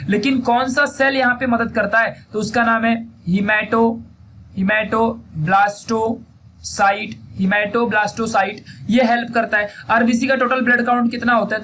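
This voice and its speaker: A young man teaches biology at speed in a high voice, quizzing his class and answering himself. He keeps repeating key terms and fills gaps with "theek hai." Faint background noise sits under his voice. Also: fairly bright tone. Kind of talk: fast-paced classroom lecture.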